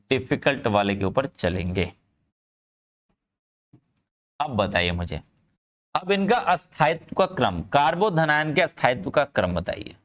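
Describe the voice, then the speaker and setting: A male chemistry teacher speaking, giving a live online class, often repeating himself to urge students to answer quickly and calling them "kids". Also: medium pitch, fairly bright tone. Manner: calls students "bachcha" and "bhai".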